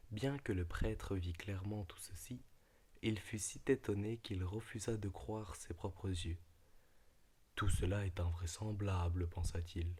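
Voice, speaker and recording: A man with a low, husky voice talks in a soft library half-whisper. He moves slowly and a little hesitantly through his ASMR book talk and reading, keeping the melody very flat. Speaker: ASMR video creator.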